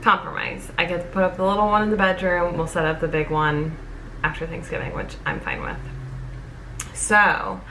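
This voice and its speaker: A woman's voice: fairly low pitch, normal speed, noisy background. A young woman chatting playfully and rambling through a coffee tutorial, joking about herself as she goes. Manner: playful, rambling and self-deprecating. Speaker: vlogger. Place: bedroom at a desk.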